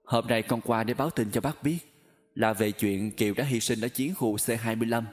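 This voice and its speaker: A man's voice: medium pitch, a little fast, natural voice. A man voicing a polite young man who stammers in shock, in a storybook reading. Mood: shaken.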